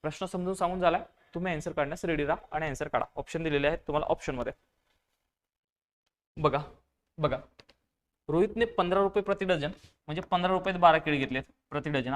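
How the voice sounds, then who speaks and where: A man's voice: a little high, fast talker, long pauses. Man teaching math, repeating every step. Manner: repeats key phrases, asks questions and answers them himself; patient step-by-step explaining. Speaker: exam-prep teacher. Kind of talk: online math lesson.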